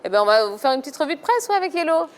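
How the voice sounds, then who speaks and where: A woman hosting a live football debate show, brisk and peppered with fillers. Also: sits high, sing-song. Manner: brisk, many fillers like "hein". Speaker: host.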